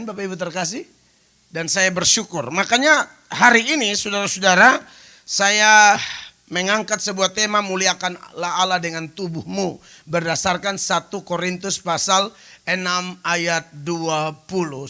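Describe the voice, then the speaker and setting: A man preaching a sermon as pastor, joking and animated, dropping in English phrases and shouting his punchlines. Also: high-pitched. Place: church stage.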